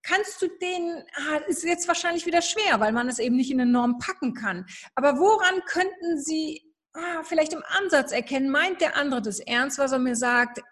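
A woman's voice: high-pitched, normal speed, fairly bright tone. A woman hosting a podcast interview, chatty and asking long questions with hesitant restarts. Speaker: podcast host.

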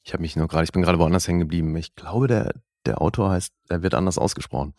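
A man's voice: low-pitched, fast talker, a little mellow, no room sound, clean studio sound. A man co-hosting a podcast, chatting in a laid-back way with short replies. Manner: laid-back, brief interjections. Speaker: podcast co-host. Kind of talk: casual chat.

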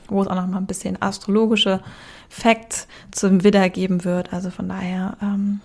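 A woman's voice: medium pitch, level tone, normal speed, darkish tone. A woman talking casually as a podcast host.

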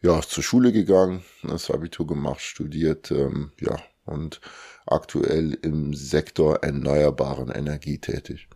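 Very deep gravelly-voiced man. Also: a little slow. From Democratic Republic of the Congo. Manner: calm, agreeable, many short affirmations. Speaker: guest, coach. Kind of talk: conversational interview.

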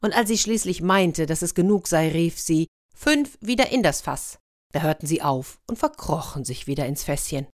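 Low-voiced woman telling a fairy tale. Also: normal speed, hardly any pauses. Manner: lively, addresses listeners. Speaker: storyteller. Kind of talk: fairy tale storytelling to listeners.

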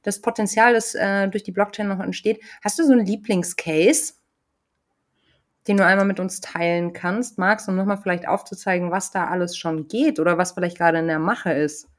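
A woman hosts an interview, asking open questions at a mid pitch and backing the guest with short listening sounds. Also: steady tone, moderate pace. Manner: attentive, frequent listening sounds. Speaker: interviewer, host. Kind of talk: conversational podcast interview.

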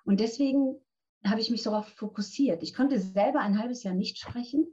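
A woman's voice: on the high side, normal speed, dark tone. Woman in her 50s, voice coach giving tips, earnest and direct, slightly muffled lo-fi sound. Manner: earnest, direct, addresses listener with instructions. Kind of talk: interview answers, coaching tips.

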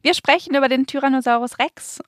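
A woman's voice: high voice, fairly quick, dry recording, studio quality. A woman presenting as a children's show host, speaking directly to young listeners with simple scripted explanations and playful exclamations. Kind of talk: kids show hosting, scripted narration and questions.

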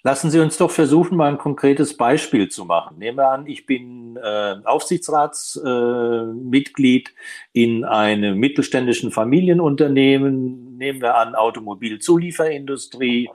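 Ein Mann mit deutschem Akzent, der als Interviewer in ruhigem, sachlichem Ton konkrete Fallbeispiele als Fragen formuliert. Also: male voice, medium pitch, darkish tone. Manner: measured, lays out concrete scenarios. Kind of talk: interview questions.

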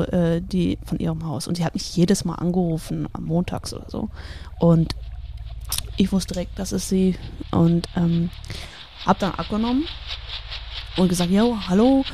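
A young woman casually telling a spooky personal story, lively and full of fillers and laughs. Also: fairly low pitch, normal speed.

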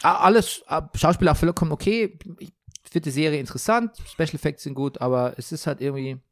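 A man co-hosting a casual podcast chat about TV series, animated, breaking off and restarting, dropping in English phrases. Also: fairly high pitch, fast talker, dry recording, studio quality. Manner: animated, self-interrupting, mixes in English phrases. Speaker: podcast co-host.

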